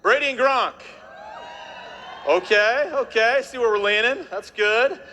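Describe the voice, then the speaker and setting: Man, stage presenter, high voice, live audience banter, lots of "right?". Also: measured pace, a little hiss or hum. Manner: energetic, jokey crowd work, many tag questions.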